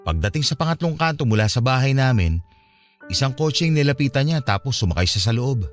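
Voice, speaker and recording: In a conversational radio drama style, a man plays an earnest young man confessing a painful family past, confiding and recounting. His medium-pitched voice is natural and sing-song, a little fast, with music playing behind it.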